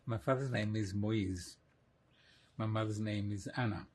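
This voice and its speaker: A man in his eighties from Greece, slowly and reflectively recalling his childhood in an oral history interview, with soft laughs. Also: on the low side, fairly even intonation. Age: 80s.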